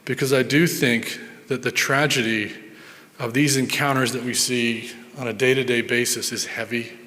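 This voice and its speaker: A man's voice: medium pitch, steady tone, normal speed, sharp tone. A man, a physician, telling patient stories in an earnest conference talk, often repeating words as he thinks. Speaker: neurologist giving a conference talk. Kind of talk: storytelling conference presentation. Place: large conference hall. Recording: reverberant hall sound.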